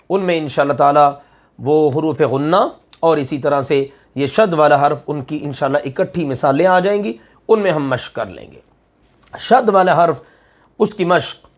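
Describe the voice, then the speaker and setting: A middle-aged man teaching Quran recitation step by step, patiently drawing out each example word. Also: fairly high pitch.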